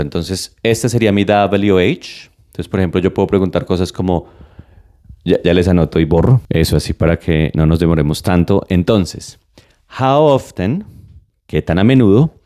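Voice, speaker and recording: A man teaching an English lesson step by step, energetic and emphatic, with lively swings in his voice. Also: low voice. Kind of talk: classroom-style lesson.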